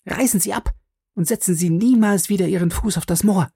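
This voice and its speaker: A man voicing a young woman who gives urgent, hurried warnings on a lonely moor. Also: high-pitched, vocal fry, warm tone, breathy edge, dry recording, clean studio sound, voice pushed up, exaggerated voice.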